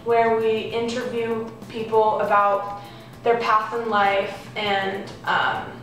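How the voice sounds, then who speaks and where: Heard through a camera across an echoey indoor room with faint music, a teenage girl student speaks slowly in a medium, level, fairly bright voice. She makes a polite phone call, setting up and asking interview questions hesitantly, with many ums.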